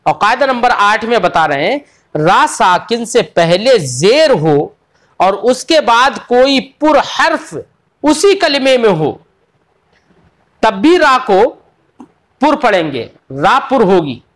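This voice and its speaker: A man's voice: very high-pitched, big pitch swings, takes it slowly, fairly bright tone. A man giving an online Quran recitation lesson, patiently repeating each rule, drawing out example words, and addressing his students fondly as children. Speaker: tajweed teacher.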